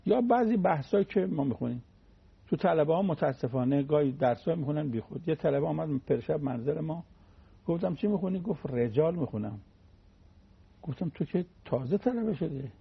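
A man's voice: on the high side, animated, vocal fry, breathy edge, lo-fi sound. A man giving a conversational religious talk on the radio, teaching through everyday anecdotes and homely examples.

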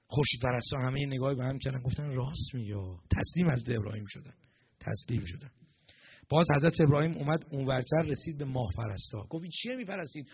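A man giving a storytelling sermon as a preacher, animated and acting out the characters' lines in dialogue. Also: mid-range voice, creaky, muffled recording, a little hiss or hum.

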